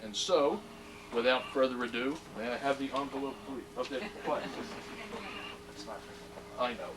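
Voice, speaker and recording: Reading from a plaque, a genial middle-aged man gives a ceremony speech at a hall of fame induction, sprinkling in jokes along the way. His voice is medium-pitched with fairly even intonation and a normal pace. Recorded in a ceremony hall from a distant mic, the room sounds noisy.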